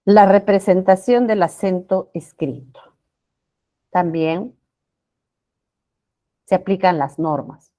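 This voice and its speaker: A woman's voice: lowish voice, takes it slowly, long pauses, mellow. A woman teaching a class, explaining spelling rules patiently, repeating points, checking understanding with short questions and stretching out example words.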